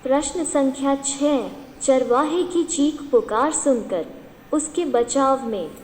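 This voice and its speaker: A woman teacher with an Indian accent, dictating questions to a class slowly and repeating each one several times. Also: high voice, a little mellow. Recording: echoey room with long reverb.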